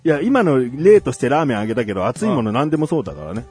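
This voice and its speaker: A man's voice: medium pitch, very animated, rapid-fire, music in the background. A man co-hosting a casual podcast, teasing and scolding his partner and laughing often. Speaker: podcast co-host.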